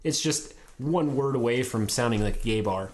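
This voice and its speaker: A man's voice: medium pitch, normal speed, a little mellow. Male podcast host, easygoing plot-recap delivery, crude humor. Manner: laid-back plot recap with crude jokes. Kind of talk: casual film review chat.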